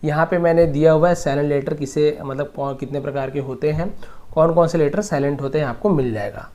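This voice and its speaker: A man teaching English grammar, patiently repeating each example slowly word by word. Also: on the high side, mellow, highs cut off. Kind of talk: explaining grammar lesson.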